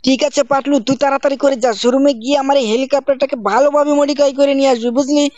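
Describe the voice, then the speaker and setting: High fast theatrical gaming host. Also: level tone, no echo. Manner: loud, theatrical threats and scolding. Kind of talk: gaming role-play narration. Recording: dry, dull lo-fi mic.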